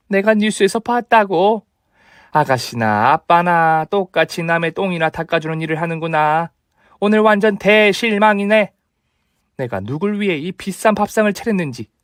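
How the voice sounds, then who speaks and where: A man's voice: high voice, clean tone, no echo, clean studio sound, natural voice. A man voicing a snobbish, bossy older mother-in-law who talks down to everyone in a dramatized story reading. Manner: scolding, contemptuous.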